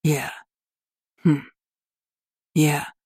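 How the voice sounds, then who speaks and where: A man's voice: on the high side, level tone, drawn-out words, a little mellow, slightly rough, no echo, studio quality, full character voice. A male audiobook reader voicing a flustered middle-aged nobleman who stammers and then speaks stiffly. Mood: stammering. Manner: stammering, then barking orders.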